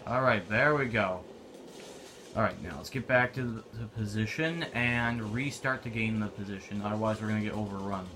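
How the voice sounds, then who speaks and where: A man's voice: on the low side, normal speed. A young man giving casual, offhand commentary while playing a war video game. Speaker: gameplay commentator. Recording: noisy game audio behind.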